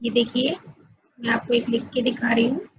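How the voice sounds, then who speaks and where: High-voiced patient woman teacher. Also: steady tone, moderate pace, husky, dull audio. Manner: patient, explains step by step, addresses children often. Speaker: school teacher. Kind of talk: online Hindi class for young children.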